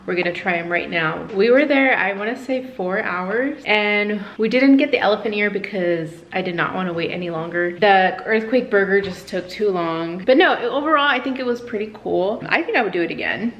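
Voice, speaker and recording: A woman's voice: mid-range voice, normal speed, few pauses, highs cut off. Chatty woman vlogging in a roomy space. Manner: chatty and excitable, uses "dude" and "like". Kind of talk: casual vlog chat. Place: car, then at home indoors. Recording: roomy with faint background ambience.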